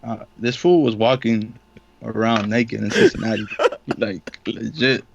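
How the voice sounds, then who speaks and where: A man's voice: lowish voice, measured pace, vocal fry, highs cut off, slight background noise. A young man, a podcast co-host, telling a story in casual, profane slang and acting out the quotes. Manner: slangy, swears a lot, acts out quotes.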